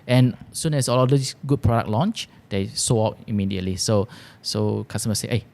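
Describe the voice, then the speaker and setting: A man with a Malaysian accent answering interview questions as a business founder, haltingly, repeating words and using non-standard grammar. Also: lowish voice, vocal fry, darkish tone. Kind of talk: interview conversation.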